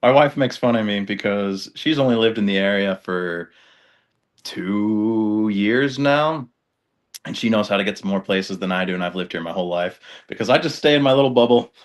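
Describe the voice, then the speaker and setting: A man from the US West Coast answers podcast questions in an easygoing way. His voice sits low. He pokes gentle fun at himself and sounds content. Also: moderate pace. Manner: easygoing, self-deprecating. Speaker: podcast guest, street fighter. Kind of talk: casual interview answers.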